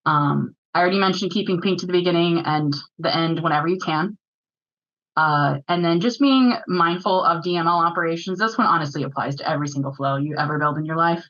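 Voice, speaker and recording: A woman presenting to a user group, rattling off her points quickly and casually with plenty of filler words. Her voice sits fairly low for a woman. The sound is dull and lo-fi, like online meeting audio. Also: sharp tone. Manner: fast-talking, chatty with filler words. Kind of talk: technical presentation.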